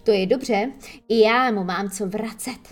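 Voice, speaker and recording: A woman's voice: mid-range voice, soft background music, natural voice. A woman voicing a vain, menacing male pirate captain who boasts and gloats. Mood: gloating.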